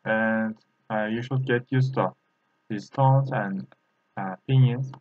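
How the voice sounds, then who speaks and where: Man, language teacher, very slow delivery, repetitive tone practice, halting, dull lo-fi recording. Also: lowish voice, no room sound. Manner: halting, repetitive, drilling each syllable. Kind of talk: slow pronunciation lesson, practicing tones by repeating syllables.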